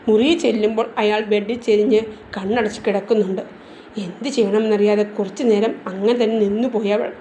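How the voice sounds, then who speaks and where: Mellow woman narrating an audio novel. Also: medium pitch, a little hiss or hum, low-quality recording. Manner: steady storytelling. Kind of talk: scripted narration.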